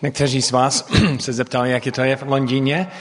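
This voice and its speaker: A middle-aged man, a native English speaker speaking with an English-speaking accent, preaches through personal stories, haltingly searching for words and making grammatical slips. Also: medium pitch, level tone, a little hiss or hum. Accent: English-speaking accent in Czech. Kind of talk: sermon with personal storytelling. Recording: long hall reverb.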